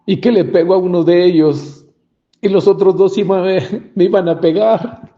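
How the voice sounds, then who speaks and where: A man's voice: high-pitched, moderate pace, dark tone. A man giving a personal testimony about his childhood and often acting out the dialogue. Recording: dull lo-fi recording.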